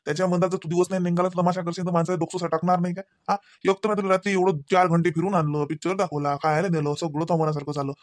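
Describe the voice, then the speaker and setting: Guy doing a cranky cartoon husband, rapid-fire lecturing, dry studio. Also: high voice, flat delivery, dry recording, natural voice. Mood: angry. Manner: nagging, lecturing, rapid scolding. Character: scolding husband Ravi, grown man, short-tempered. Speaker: voice actor. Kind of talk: cartoon voice acting.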